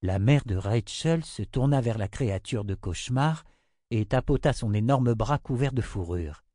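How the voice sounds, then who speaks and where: A man narrating a fantasy novel in an even, measured storytelling voice. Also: medium pitch, dry recording, studio quality.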